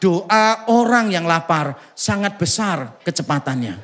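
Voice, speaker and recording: Male pastor, higher-pitched voice, joking conversational sermon, rhetorical questions to the congregation. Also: animated, unhurried, fairly bright tone, slight background noise. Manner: humorous, conversational, teasing the congregation. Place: church service.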